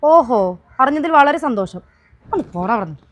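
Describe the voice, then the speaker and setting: An actress playing a feisty, quick-tempered young woman who fires back indignant retorts in a short drama, with music behind. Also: medium pitch, close to an everyday voice. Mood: angry. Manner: sharp-tongued, indignant retorts. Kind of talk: Malayalam short drama acting. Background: background music.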